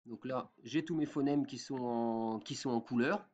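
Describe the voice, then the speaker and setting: A man giving a step-by-step software tutorial, with many fillers and a habit of asking "d'accord?" after each step. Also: medium pitch, normal speed, highs cut off. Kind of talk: screen-recorded software tutorial.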